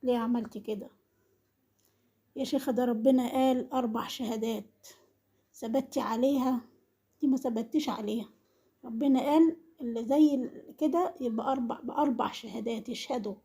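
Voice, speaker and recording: A woman's voice: a little high, mellow, slightly rough. A woman with an Egyptian Arabic accent who delivers a scolding monologue as a vlogger and repeats the same accusing questions again and again. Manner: reproachful, hammers the same accusing questions over and over. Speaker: vlogger commenting on an online family feud.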